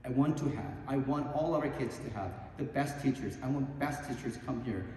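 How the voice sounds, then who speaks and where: A man's voice: mid-range voice, mellow. Earnest man in an echoey hall. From Korea. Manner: earnest, halting, many ums and restarts. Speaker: school board candidate. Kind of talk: candidate forum answer. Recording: echoey hall, distant mic, faint hum.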